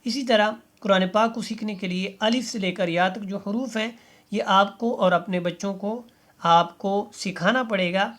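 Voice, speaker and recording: Teaching Quran reading one step at a time, a man with a high, fairly bright voice recites each letter in a slow, drawn-out way, then breaks down its pronunciation. He patiently invites learners to repeat after him.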